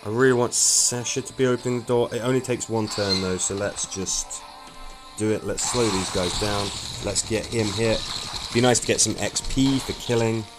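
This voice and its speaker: A low-pitched man talks his way through a turn-based game in an easy, chatty let's-play style. He thinks aloud, stumbles over a word now and then, and clear game music plays behind him. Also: fairly even intonation, normal speed, poor audio. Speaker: gaming streamer. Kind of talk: casual let's-play commentary.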